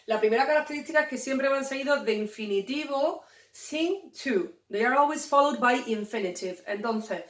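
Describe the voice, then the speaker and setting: A woman's voice: sits high, animated, normal speed, distant mic. A woman teacher, explaining English grammar to students in a playful, joking way. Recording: echoey room, voice away from the mic.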